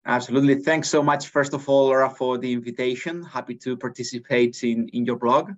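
A man's voice: mid-range voice, fairly even intonation, a little fast. A man in his thirties with a Spanish accent, talking earnestly as an interview guest from an office, with frequent restarts. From Spain. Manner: earnest, many restarts and fillers. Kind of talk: conversational interview. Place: office with large windows. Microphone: laptop webcam on a video call. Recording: dull lo-fi video call audio.

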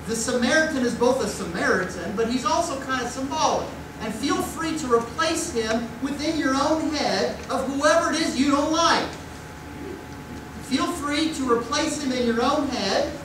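A middle-aged man preaching a conversational sermon at a pulpit, with rhetorical questions and mock voices, recorded on a distant room mic in a church sanctuary. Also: extremely high pitch. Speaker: pastor. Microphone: far room mic at a pulpit. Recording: echoey church from far off with noise.

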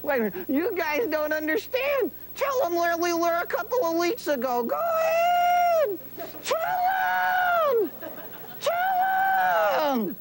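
Casting: a wisecracking ventriloquist dummy, cocky and heckling, pitched way up with lively swings. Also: male voice, normal speed, hardly any pauses. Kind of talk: ventriloquist comedy routine. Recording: noisy old TV videotape audio.

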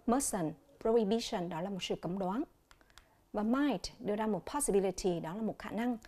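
A woman's voice: mid-range voice, warm tone. Vietnamese woman teaching English on TV. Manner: slow, careful explanations mixing English terms and answer choices. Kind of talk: televised classroom lesson.

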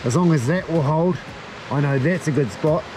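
A New Zealand man with a fairly high voice films himself climbing coastal cliffs, commenting at a normal speed. He's an outdoor adventure vlogger who is new to climbing, and wind on the exposed cliff buffets his head-mounted action camera.

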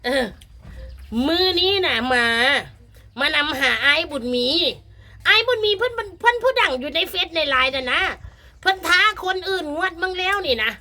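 A middle-aged woman with a Phu Thai Isan accent, chatting to viewers loudly and teasingly with lots of laughter. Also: very high voice, moderate pace. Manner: loud, laughing, teasing, animated storytelling. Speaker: vlogger challenging a lottery rival. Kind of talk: casual chat to viewers.

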